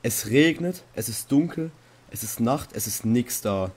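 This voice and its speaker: A young man hosting a horror game playthrough in casual commentary, playing up mock fear and breaking into high panicked shouts. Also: expressive, unhurried, husky. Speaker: Minecraft let's-play host.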